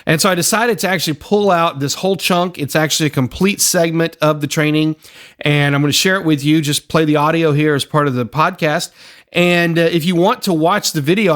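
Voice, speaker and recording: A man's voice: on the high side, a bit bright. A middle-aged man hosting a podcast, giving an earnest, emphatic motivational talk full of rhetorical questions. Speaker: podcast host and personal development coach.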